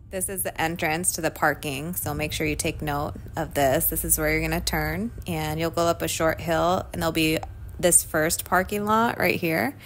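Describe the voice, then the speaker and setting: A woman's voice: low-pitched, slight background noise, poor audio. A young woman vlogger narrating a day trip in a casual, upbeat way, gushing and saying "like" a lot. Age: young adult. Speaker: travel vlogger. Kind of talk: casual travel vlog narration.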